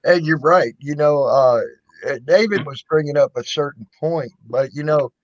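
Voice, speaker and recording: A man in his forties with a somewhat high voice speaks in casual chat and swears now and then. His audio is dull and lo-fi, with a dry sound. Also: normal speed, no echo. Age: 40s. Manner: casual, profane.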